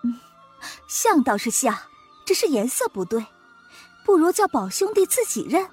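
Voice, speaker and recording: A man doing a sharp young noblewoman. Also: very high-pitched, big pitch swings, moderate pace, slightly rough, faint music behind, voice pushed up, heavily acted. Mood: brisk.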